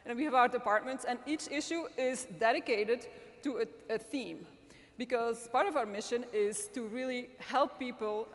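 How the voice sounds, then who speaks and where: This is a magazine editor-in-chief, a middle-aged woman from Belgium with a fairly high-pitched voice, presenting an earnest conference talk at a summit. She speaks English as a later-learned language rather than her native one, and she restarts often. The live audience fills a large event hall, and the recording has long hall reverb.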